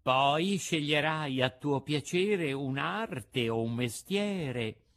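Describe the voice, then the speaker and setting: A man voicing a gentle, patient motherly fairy woman in a storybook reading, soft, measured and admonishing. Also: on the high side, lively intonation, heavily acted.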